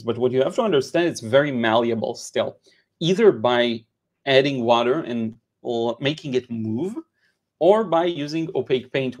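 A medium-pitched Israeli man in his thirties leads a live-stream watercolor painting lesson, answering chat between strokes. The tone is casual and chatty, full of fillers like "uh," repeated words and restarts, captured by a headset mic in his home studio.

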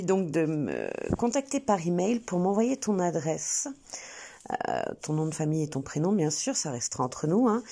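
A woman's voice: lowish voice, gravelly, warm tone, husky. A woman with a French accent hosting a spontaneous home video, hesitant with many fillers and restarts, cooing sweetly to her pet between remarks. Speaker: channel host.

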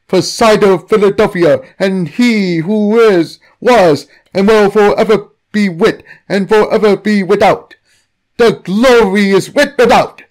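Man as a grovelling cult priest, grand, reverent, slow delivery. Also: high voice, voice pushed up. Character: fawning male cultist priest chanting.

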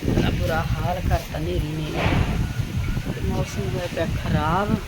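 A woman's voice: fairly even intonation, measured pace. A woman chatting casually to viewers as a home vlogger, exclaiming and repeating words for emphasis. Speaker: family vlogger. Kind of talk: casual home vlog chat. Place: outdoors at a village home in a windstorm. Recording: very noisy outdoor wind and vehicle-like rumble.

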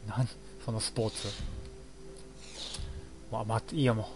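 A man's voice: lowish voice, little pitch movement, moderate pace, music in the background. Jokey man narrating a game playthrough. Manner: jokey, rambling running reactions to the game. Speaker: let's play host. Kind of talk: casual game commentary.

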